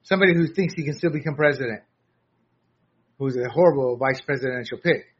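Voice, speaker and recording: A man hosting a political commentary monologue, combative and sarcastic, pushing into shouts on his points. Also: medium pitch, fairly quick, husky. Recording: dull lo-fi audio.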